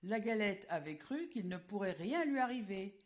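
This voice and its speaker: A woman telling a children's story in an expressive, playful way, sometimes asking the listener questions. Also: mid-range voice, moderate pace.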